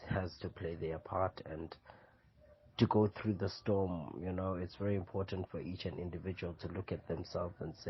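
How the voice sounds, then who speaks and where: A man's voice: deep voice, muffled recording, slight background noise. A South African man in his twenties, a podcast guest, answering questions in an earnest, reflective way with many "you know"s. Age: 20s. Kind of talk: interview answers.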